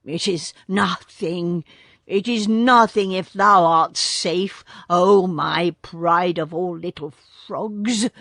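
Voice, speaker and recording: A woman voicing Baloo, a big soft-hearted male bear who talks tenderly. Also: on the low side, animated, very slow, husky, no echo, clean studio sound, heavily acted. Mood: fond. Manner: tender, fussing.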